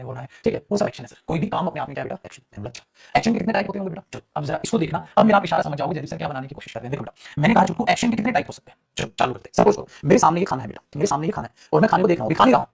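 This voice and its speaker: A man running an English grammar class, rattling along at a very fast pace with a high, gravelly voice. He keeps calling his students "beta" and answers his own questions in their voice. A crowd is heard in the background. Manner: acts out students' replies in a lower voice. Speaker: English teacher.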